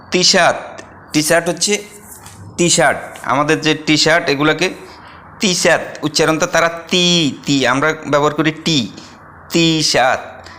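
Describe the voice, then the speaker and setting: A young man teaches a vocabulary lesson, calmly saying each word and then repeating its meaning. His voice is bright and crisp and sits a little high for a man. He keeps an even, patient teaching pace. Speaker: Arabic language teacher.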